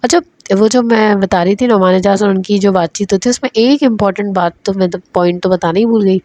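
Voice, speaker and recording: A woman's voice: mid-range voice, a little mellow. A woman casually recapping drama episodes as a reviewer, chatty and hesitant with many fillers.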